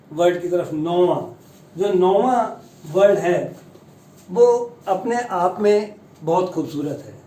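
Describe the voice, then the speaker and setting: A man teaching the pronunciation of long English words, chatty and self-deprecating, slowly sounding out each word. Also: high voice, mellow, echoey room, far from the mic, slight background noise, rough recording. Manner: slow, careful spelling-out of long English words. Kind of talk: Hindi-language pronunciation lesson.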